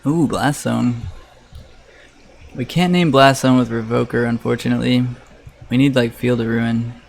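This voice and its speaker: A man's voice: mid-range voice, steady tone, a little fast, creaky. A man casually commentating live on a card game as he plays, thinking aloud in a conversational way, with a fan running. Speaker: streamer playing an online card game. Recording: electric fan noise in the background. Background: electric fan running.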